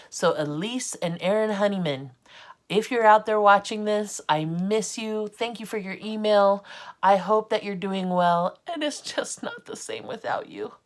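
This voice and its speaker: Reading a storybook aloud in her role as an art teacher, an American-accented woman with a medium-pitched voice breaks in with informal, encouraging comments to the kids.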